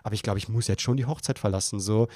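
Talking very fast, a young podcast host spins a long story in casual conversation, animatedly playing out his own panicked voice at a high pitch. It's a studio-quality recording with no room sound.

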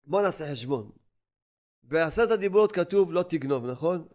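Older male rabbi, sermon delivery, slightly high voice, repetitive and emphatic with sudden loud and soft turns. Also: expressive. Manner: emphatic, repetitive preaching with rhetorical questions; shifts between loud exclamations and quiet asides. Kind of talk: Torah lesson sermon.

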